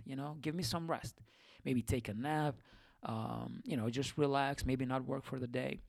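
A man's voice: medium pitch, no echo. Rambling male podcast host, dry sound. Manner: rambling, lots of fillers and self-corrections; self-deprecating, reflective. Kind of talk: casual solo podcast talk.

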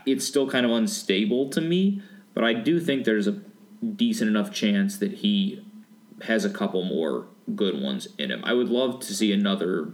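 A man's voice: lowish voice, expressive, moderate pace. A man in his late twenties co-hosting a podcast, chatting casually with hesitant restarts. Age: 20s. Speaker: podcast co-host.

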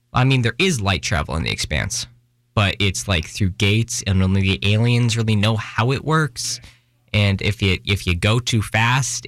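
A man's voice: mid-range voice, a bit bright, dry recording. Young guy rambling thru a podcast, jokey and breathless, dry close sound. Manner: rambling, self-deprecating, restarts and fillers, runs out of breath. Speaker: podcast host. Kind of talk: casual solo podcast talk. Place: Washington, US.

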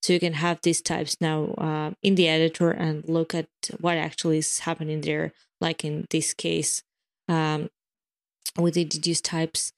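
A woman's voice: deep voice, flat delivery, measured pace, creaky. Woman explaining with many fillers. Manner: explains in long runs with many fillers and restarts. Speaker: product representative giving updates. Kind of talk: casual podcast chat about developer tools.

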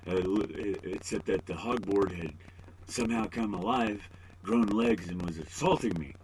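A man's voice: mid-range voice, a little hiss or hum, poor audio. A middle-aged man hosting a podcast alone, rambling with joking, self-deprecating asides. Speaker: podcast host. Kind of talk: casual solo podcast monologue.

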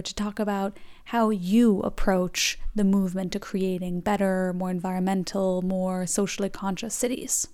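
Creaky-voiced woman podcast host. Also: medium pitch. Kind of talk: interview intro.

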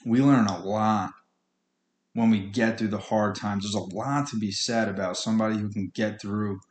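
A man's voice: fairly low pitch, steady tone, moderate pace, echoey room, slight background noise. A man hosting a podcast on his own, giving a blunt, earnest, informal motivational monologue with colloquial phrasing and swearing. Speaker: podcast host speaking on addiction recovery.

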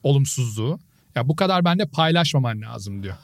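A man's voice: medium pitch, sing-song, fast talker, dry recording, clean studio sound. Casual podcast chat from a man host who tells stories and mimics the people he quotes. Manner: storytelling, imitates quoted people.

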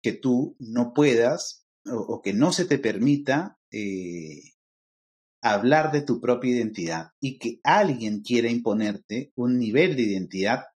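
A man's voice: medium pitch, expressive, measured pace, a little mellow. A middle-aged man from Lima with a Peruvian accent, explaining ideas to a podcast host in a lecturing way, with frequent fillers like "este". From Peru. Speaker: guest expert on interculturality.

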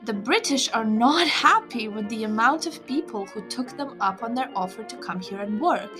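A young woman hosting a scripted podcast, explaining in a measured way with wry asides. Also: a little high, expressive, over music. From Lithuania. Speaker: podcast host.

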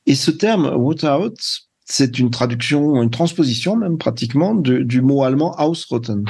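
Brief: older male guest, husky, mellow, halting and reflective in conversation. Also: mid-range voice. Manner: hesitant, searching for words, many restarts. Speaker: translator, interview guest. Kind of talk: conversational interview.

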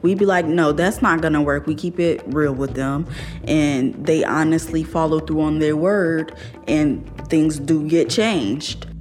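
A woman's voice: sits low, unhurried, darkish tone. A young woman telling her own story in an interview, candid and casual, using slang and laughing often. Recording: faint music underneath.

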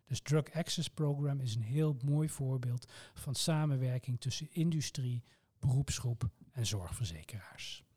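A man with a Dutch accent, answering interview questions in a measured, formal way with precise terms. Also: medium pitch, darkish tone, husky. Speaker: medical oncologist guest.

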